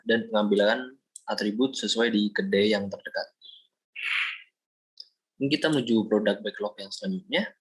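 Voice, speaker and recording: A young man from Indonesia, a student, explaining a software project step by step in a screen-recorded walkthrough, often pausing with fillers. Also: fairly low pitch, low-quality recording. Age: young adult. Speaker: student presenting a project demo.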